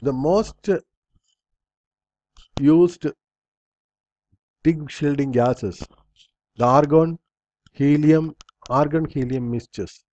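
A man's voice: on the high side, extremely slow, pauses often, dark tone, no room sound, dull audio. A man instructor reading slide bullet points aloud in a recorded lecture, in short fragments with small slips and restarts.

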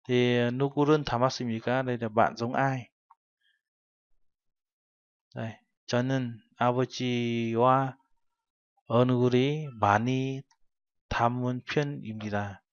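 In a dull, lo-fi recording with no room sound, a man with a medium-pitched, clean voice teaches Korean. He takes a textbook lesson patiently, step by step, translating every phrase.

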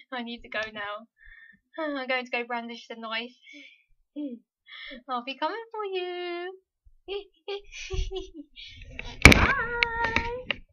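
Squealing, high-pitched rabid fangirl. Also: very slow, long pauses, sharp tone, dull audio, heavily acted. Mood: creepy, giggly. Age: young adult. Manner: squealing fangirl giggling with creepy threats. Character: unhinged rabid fangirl, giggly, squealing, menacing young woman. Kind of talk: comedic character impression to camera. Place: small room indoors at home.

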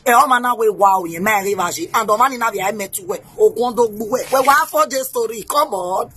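A woman hosting her own show, mocking and animated as she mixes Pidgin and English. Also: a little high, a little fast, slightly rough. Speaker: host. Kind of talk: casual commentary.

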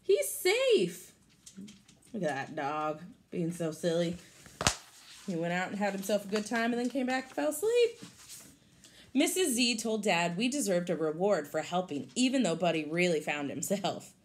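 With a voice on the low side and lively intonation, a woman in her thirties reads to young children at a moderate pace, expressive like a teacher and adding casual explanations. The setting is a small room indoors at home, captured in a home recording with clear background noise.

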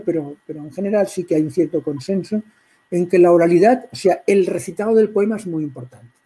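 A middle-aged man from Catalonia with a Catalan accent, giving an informal talk on poetry to a writers' group, stopping often to clear his throat and restart his sentences. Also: high voice, warm tone, rough recording. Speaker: workshop speaker on poetry.

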